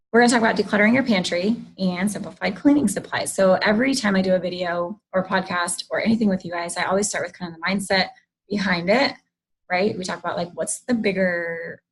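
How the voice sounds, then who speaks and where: This woman's lowish voice comes across husky over poor audio as she hosts a casual livestream. She chats and greets viewers, clearing her throat while her voice fades.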